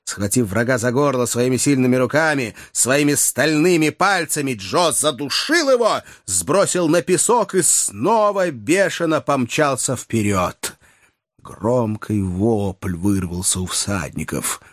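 A man reading an adventure story aloud as its narrator, in a measured storytelling manner. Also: medium pitch, lively intonation, dry recording, clean studio sound. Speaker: audiobook narrator. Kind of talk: scripted narration.

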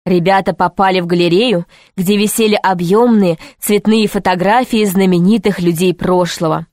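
A woman narrating a children's adventure story in an even, steady storytelling voice. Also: mid-range voice, normal speed, dry recording, clean studio sound. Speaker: audiobook narrator. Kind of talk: scripted narration.

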